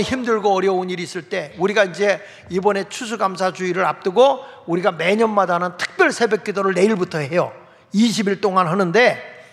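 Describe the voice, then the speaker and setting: A male pastor with a high, slightly bright voice preaches folksily in a church sanctuary, asking the congregation questions as he goes. The sound has the long reverb of a large hall.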